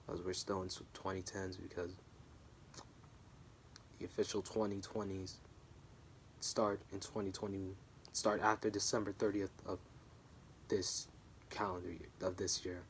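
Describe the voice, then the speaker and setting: A man's voice: low-pitched, level tone, a little slow, long pauses, a little hiss or hum. A tired man rambling through his wrestling predictions in a casual home vlog, often sidetracking himself. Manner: rambling, self-interrupting, easily sidetracked. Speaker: wrestling vlogger. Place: room at home.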